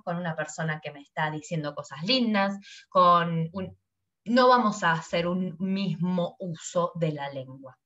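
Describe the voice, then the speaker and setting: A woman's voice: fairly low pitch, a bit bright, lo-fi sound. A woman, teaching a lesson and explaining slides, who acts out her examples with a changing tone.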